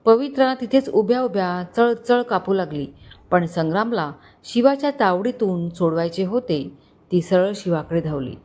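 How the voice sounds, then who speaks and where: A woman storyteller narrating a dramatic family story, expressive and vivid. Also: moderate pace. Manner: expressive, voices characters with rising pitch in tense moments.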